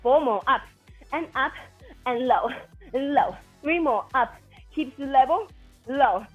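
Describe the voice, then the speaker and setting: A woman's voice: high voice, lively intonation, unhurried, slightly rough. A woman working as an aerobics instructor, calling out counts and commands to a floor workout class in an encouraging, motivating way. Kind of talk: counted exercise cueing to a class. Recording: dull lo-fi sound with music behind.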